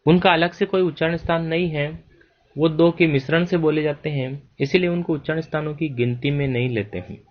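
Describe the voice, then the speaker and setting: A man teaching a Sanskrit grammar lesson, speaking deliberately and spelling out sounds one by one. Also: on the high side, fairly even intonation, lo-fi sound. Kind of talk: slow spoken grammar lesson.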